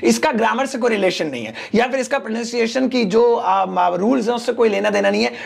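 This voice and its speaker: A man with an Indian accent teaches English online, working through viewer questions one by one. His voice sits high and carries a strong gravelly fry, and he explains patiently, moving between Hindi and English examples. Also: expressive, a little fast.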